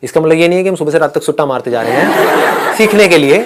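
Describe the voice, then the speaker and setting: Guy doing a motivational talk for students, lively, keeps throwing questions at the crowd, kinda playful. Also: fairly high pitch, fast talker, background noise. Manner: animated, playful, asks the audience questions. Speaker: motivational speaker. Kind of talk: live motivational session with students.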